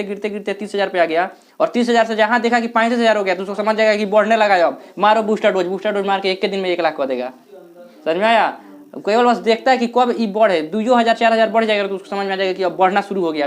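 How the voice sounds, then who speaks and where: A male teacher giving a classroom lecture, asking questions and answering them himself, with regional dialect words in his Hindi. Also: sits high.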